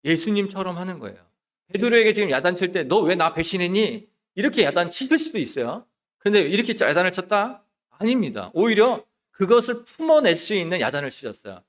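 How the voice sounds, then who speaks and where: A male associate pastor preaching a sermon in church, asking rhetorical questions and answering them himself, moving between loud emphasis and soft, hushed words. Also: high-pitched, sing-song, fairly quick. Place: church sanctuary.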